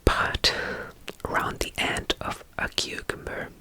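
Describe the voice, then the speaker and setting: An ASMR roleplayer whispering softly and soothingly as a caretaker, repeating gentle phrases and reading a bedtime story aloud. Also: takes it slowly.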